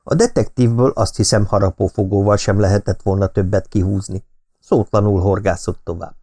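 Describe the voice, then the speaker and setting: A man reading an audiobook, telling a first-person story in a steady manner. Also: fairly low pitch. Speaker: audiobook narrator.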